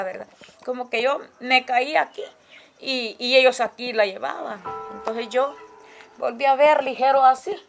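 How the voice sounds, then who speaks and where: An older woman tells her story for a documentary in a halting way, often pausing to check in with her listener. Faint music sits behind her. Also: sits high. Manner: halting, tagging lines with "¿verdad?". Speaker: survivor giving testimony. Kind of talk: spoken testimony in a documentary.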